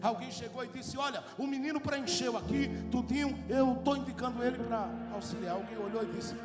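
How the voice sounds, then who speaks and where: A man preaching a fervent sermon with a Brazilian Portuguese accent, on a handheld mic, swelling into shouting. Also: very high voice, brisk. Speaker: pastor. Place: large church hall. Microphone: handheld microphone. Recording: echoey hall with loud music. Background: loud worship music.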